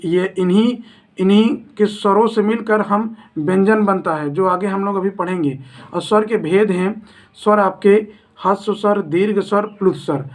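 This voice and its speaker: A man teaching a grammar lesson, who poses questions to his students and answers them himself, repeating each definition slowly. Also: high voice.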